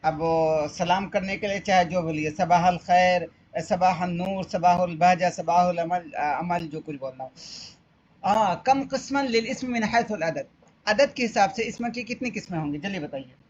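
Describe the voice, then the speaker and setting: A man teaches Arabic, walking through exam questions step by step and repeating each one aloud. His voice sits high for a man, and the audio is dull and lo-fi with a faint hiss underneath. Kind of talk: exam-paper walkthrough lesson.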